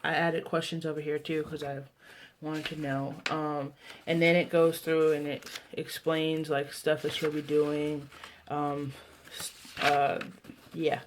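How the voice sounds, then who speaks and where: A woman in her twenties with an American accent chats casually for a vlog, rambling, interrupting herself, trailing off and often restarting mid-thought. Her voice is low and level, her pace slow, and there is noise in the background.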